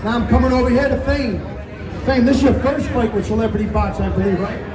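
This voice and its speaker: A man interviewing people live on stage at a press conference, talking haltingly and repeating his phrases. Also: very high voice, distant mic. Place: indoor venue stage. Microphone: handheld microphone, distant camera. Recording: echoey stage PA from afar, loud crowd.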